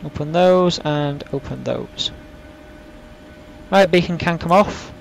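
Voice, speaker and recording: Higher-pitched man who says w for r. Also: takes it slowly, creaky, slight background noise, low-quality recording. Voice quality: can't pronounce R's properly, says w for r. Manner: self-deprecating, rambling. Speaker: flight sim video host. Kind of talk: casual gameplay commentary.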